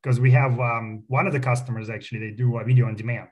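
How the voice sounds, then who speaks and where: A middle-aged man with a Russian accent, a company founder, is a guest in a radio studio for a casual interview. His voice sits in an ordinary middle range, steady and quick, slightly rough, with lo-fi sound quality. He talks loosely and proudly, full of ums, fillers and restarts.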